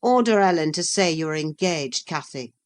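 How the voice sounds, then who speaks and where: A woman's voice: sits low, lively intonation, normal speed. A woman reading a sullen, stubborn young man. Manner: blunt and stubborn.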